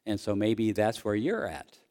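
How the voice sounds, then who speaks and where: Slow-talking folksy male preacher. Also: fairly low pitch, lively intonation, mellow. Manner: slow, folksy storytelling with frequent fillers. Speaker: pastor. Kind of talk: sermon.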